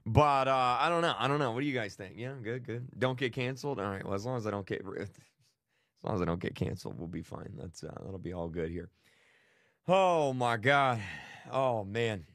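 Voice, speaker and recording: A man's voice: mid-range voice, lively intonation, moderate pace, fairly bright tone, no echo, studio quality. A man hosting a gaming stream, chatting casually and rambling to his viewers with lots of restarts. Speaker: gaming channel host.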